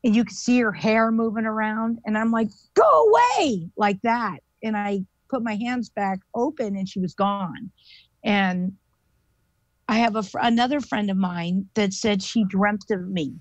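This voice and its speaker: A woman's voice: medium pitch, unhurried, no echo. Chatty woman telling a spooky tale. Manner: animated, chatty, full of "like" fillers. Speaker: guest paranormal investigator. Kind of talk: casual storytelling interview. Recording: dull lo-fi dry audio.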